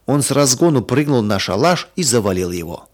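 Brief: male narrator for a children's storybook, calm and even, mid pitch. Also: fairly quick.

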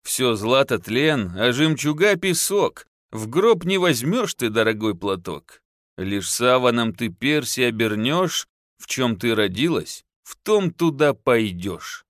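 A man voicing a gruff, mocking peasant husband who talks bluntly. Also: mid-range voice, big pitch swings, takes it slowly, fairly bright tone, no echo, clean studio sound. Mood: preaching.

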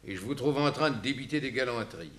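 A man's voice: medium pitch, fast talker, fairly bright tone, natural voice. An actor playing a proud, firm peasant father in a 1950s stage drama. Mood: indignant. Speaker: farmer Pedro Crespo. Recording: roomy old stage recording.

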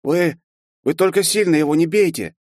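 A man voicing an earnest young orc student, high-pitched. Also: moderate pace, a little mellow, no room sound, studio quality, natural voice. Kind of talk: audiobook character voice.

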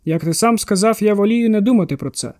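A tense, determined male lawman, voiced by an audiobook narrator, clipped and terse. His voice is fairly high for a man. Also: fast, a little mellow, close to an everyday voice.

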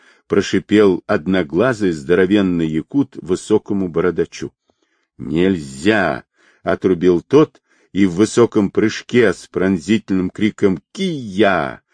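A man reading an action-packed audiobook aloud in an expressive storytelling manner. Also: low voice, no echo. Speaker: audiobook narrator.

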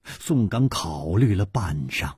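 A man's voice: low voice, big pitch swings, takes it slowly, a little mellow, breathy edge, no echo, studio quality. A man narrating a martial arts novel in dramatic storytelling style, voicing every figure himself.

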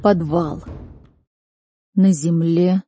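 A woman narrating an audiobook in a measured, even manner. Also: fairly low pitch, faint music behind. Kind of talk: scripted narration.

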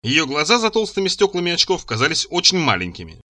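A man's voice: fairly high pitch, wildly swooping pitch, fast talker, pushed and bright. A man narrating an audiobook in the first person, telling the story expressively. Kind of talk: audiobook reading.

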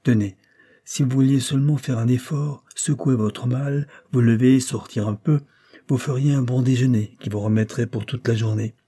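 A man's voice: mid-range voice, steady tone, moderate pace, warm tone, slightly rough, voice pushed up, lightly acted. A man reading aloud plays an obstinate, domineering judge who gives brusque orders. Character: stubborn, bossy middle-aged man, a judge.

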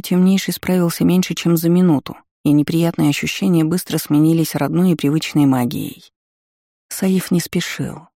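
Gravelly mellow male audiobook narrator. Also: on the high side, no room sound, clean studio sound. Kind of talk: scripted narration.

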